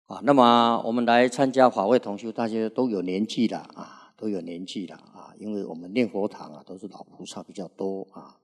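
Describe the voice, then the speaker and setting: An older Buddhist monk in his sixties preaches slowly, with long "ah" fillers between his phrases. His voice is low, gravelly and husky, and it carries a long reverb, as though recorded in a large hall. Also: steady tone. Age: 60s. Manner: unhurried preaching, frequent drawn-out "ah" fillers. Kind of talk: Buddhist sermon.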